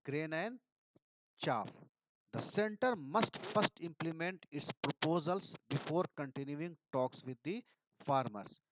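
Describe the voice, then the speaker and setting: Teacher, male, Indian English accent, slightly high voice, walks through editorials line by line, dull dry recording. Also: expressive, unhurried, a little hiss or hum. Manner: reads passages aloud then explains word meanings. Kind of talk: editorial analysis lesson.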